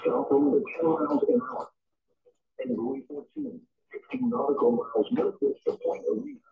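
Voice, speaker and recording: Here a gravelly, very high-pitched synthetic man's voice swings widely in pitch at a moderate pace as it delivers a scripted radio weather forecast, clipped, formal and impersonal. The weather radio sits in a home room and is recorded from a distance, so the audio comes through tinny and band-limited from across the room.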